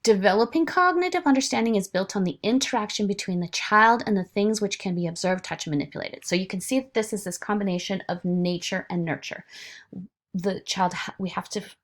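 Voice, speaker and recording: A woman's voice: mid-range voice, a little fast. A woman lecturing informally to her students, with frequent fillers and restarts. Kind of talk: recorded online lecture.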